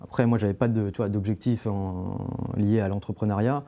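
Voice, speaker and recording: Dark-voiced young man, rambling. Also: fairly low pitch, steady tone, brisk. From France. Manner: rambling, many "euh" fillers and restarts. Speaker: interview guest, climbing brand founder. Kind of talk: casual podcast conversation.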